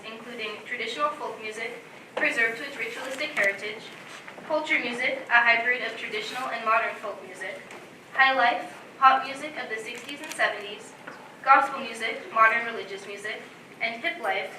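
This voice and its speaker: A young woman student reading a prepared presentation to an audience in a steady, formal way. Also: on the high side, fairly quick, noisy background. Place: college event room. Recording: roomy echo, distant from mic.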